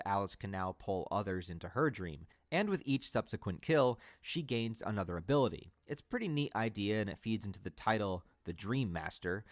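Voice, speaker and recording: A man with a fairly low voice talks through a film review in a sarcastic, exasperated way. The sound is dry and close, with no room around it. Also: dry recording. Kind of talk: casual film critique.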